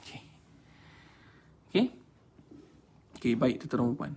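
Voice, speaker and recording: A man's voice: medium pitch, measured pace, creaky, a little mellow, breathy edge. A man with a Malaysian Malay accent telling a religious story as a Quran teacher, chatty and mixing in English words. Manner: chatty, addresses audience as tuan-tuan dan puan.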